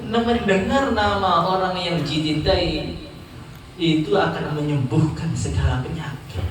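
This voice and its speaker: A man preaching a sermon, his voice set high for a man. He acts out each story, jumping up and down in pitch for every speaker he quotes. The sound comes from a distance in a big, heavily echoing hall. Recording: echoey hall, heard from far off.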